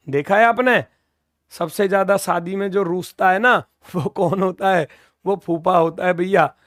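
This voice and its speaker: A man's voice: high-pitched, a bit bright, dry recording, studio quality. A young man teaching an exam-prep lesson, patiently repeating key terms and asking his students questions. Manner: addresses viewers as brother, jokes casually.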